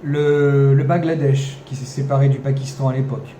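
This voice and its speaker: French guy rambling through his podcast, lots of "euh", mellow voice, roomy echo with faint hiss. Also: medium pitch, steady tone, normal speed. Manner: hesitant, many fillers and restarts; wry, ironic asides. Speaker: podcast host. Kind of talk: unscripted commentary monologue. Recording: echoey room, faint background noise.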